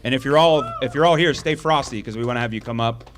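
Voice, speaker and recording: A man hosting a casual livestream, joking, teasing the others and giving enthusiastic shout-outs. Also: mid-range voice, quick pace, background noise. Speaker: livestream host.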